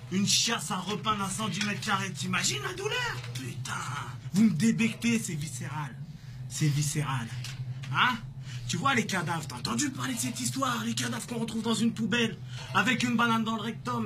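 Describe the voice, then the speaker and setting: A man's voice: high voice, background noise. A man playing a gloating psychopathic thug. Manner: mocking, menacing, slow gloating taunts. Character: sadistic psychopathic man, taunting and cruel. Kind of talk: street film acting.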